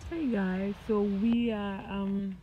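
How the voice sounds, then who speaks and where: A woman's voice: mid-range voice, flat delivery, slow, soft background music. A woman in her forties chatting casually to her phone camera for a travel vlog, rambling with lots of fillers. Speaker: vlogger. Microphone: phone at arm's length. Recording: dull lo-fi phone audio with background noise.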